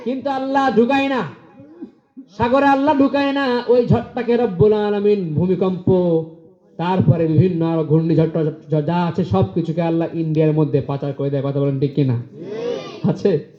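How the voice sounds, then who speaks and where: A male preacher giving a fiery sermon with sung refrains, calling out to the crowd for loud answers. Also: steady tone, normal speed. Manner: rises into high, forceful exclamations. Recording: roomy, dull lo-fi sound.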